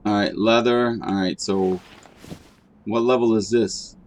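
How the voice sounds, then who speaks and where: A man's voice: fairly low pitch, fairly even intonation, measured pace. Rambling man streaming a game. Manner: rambling, with many fillers and restarts. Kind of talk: casual chat while gaming.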